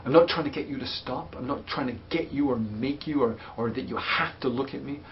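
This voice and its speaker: A man's voice: mid-range voice, fairly quick, dull audio, slight background noise. Patient man teaching parents. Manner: gentle, patient, explains with hands-on demonstrations. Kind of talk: webinar teaching and answering parent questions.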